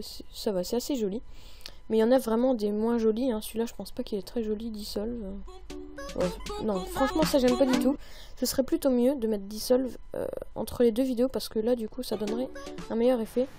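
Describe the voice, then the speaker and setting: A woman recording a casual software tutorial, chatty and upbeat, with many fillers. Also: on the high side. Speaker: tutorial maker.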